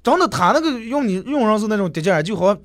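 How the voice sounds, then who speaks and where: Male radio host, high and animated voice, chatty storyteller, faint music underneath. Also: rapid-fire. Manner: chatty storyteller who acts out the people he quotes. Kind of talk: casual radio talk monologue.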